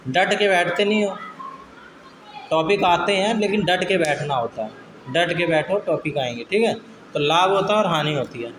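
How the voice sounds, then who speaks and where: A male science teacher giving a classroom lecture. He dictates slowly, then explains with everyday examples, often checking in with "okay", and scolds students firmly. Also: high voice, lively intonation. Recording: echoey classroom with background noise.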